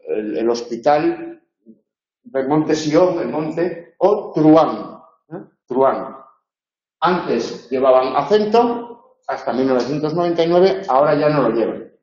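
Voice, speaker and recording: Slow, deliberate male tutor. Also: on the high side, a little mellow. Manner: slow, deliberate spelling drills with questioning "¿eh?". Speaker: university tutor. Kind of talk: recorded tutorial lecture. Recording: roomy, dull lecture recording.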